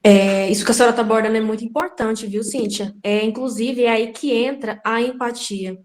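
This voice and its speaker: A woman student speaking up in a class discussion, thoughtful and measured. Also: fairly high pitch, fairly even intonation. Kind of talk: class participation.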